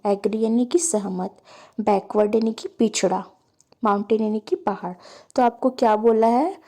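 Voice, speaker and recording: A woman's voice: mid-range voice, mellow. A woman with an Indian accent teaching an English lesson, reading lines and explaining them with rhetorical questions. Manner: slow, reads English lines then explains them in Hindi; asks rhetorical questions to students.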